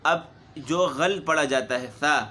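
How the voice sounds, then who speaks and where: Bright-voiced man teaching letter sounds. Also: fairly high pitch. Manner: explains slowly, then sounds out letters loudly and repeatedly. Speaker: Quran recitation teacher. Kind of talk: spoken Quran pronunciation lesson.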